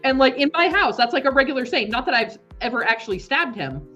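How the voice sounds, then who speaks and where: A woman co-hosting a podcast in casual group chat, lively and joking with quick asides. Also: high-pitched, highs cut off, soft background music. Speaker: podcast co-host.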